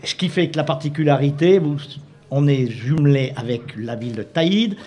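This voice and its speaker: A man's voice: on the high side, lively intonation, normal speed, darkish tone. A man serving as a mayor guest on a talk show, speaking politely and hesitantly, often laughing. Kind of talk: casual on-air interview.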